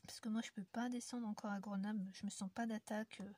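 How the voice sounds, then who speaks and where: A woman's voice: mid-range voice, fairly even intonation, fast, darkish tone, no room sound. A woman from France chatting casually to her viewers while colouring, rambling with many fillers and often dropping to a near-whisper. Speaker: YouTuber colouring on camera. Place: indoor room in the mountains.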